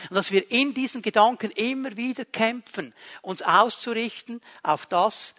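A man's voice: high voice, fairly bright tone. A man preaching a sermon as pastor, emphatic and repetitive, speaking straight to his listeners.

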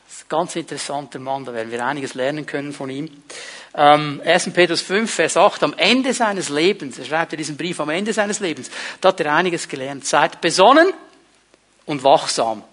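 High-voiced preacher man. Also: a bit bright. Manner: emphatic, asks the congregation rhetorical questions. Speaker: pastor. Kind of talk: sermon to a congregation.

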